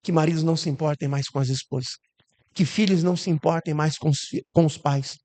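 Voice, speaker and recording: A Brazilian man preaches a sermon in a notably high voice. He keeps asking the congregation rhetorical questions and briefly acts out the people he quotes. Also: steady tone, fairly quick, darkish tone.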